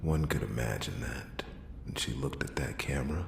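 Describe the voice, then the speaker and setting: Man playing a brooding noir detective, ASMR role-play, heavy gravelly creak, halting dramatic pauses, world-weary, roomy sound. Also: slight background noise, exaggerated voice. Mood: brooding, regretful. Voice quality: gravelly, breathy low voice. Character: world-weary male noir detective piecing together a murder.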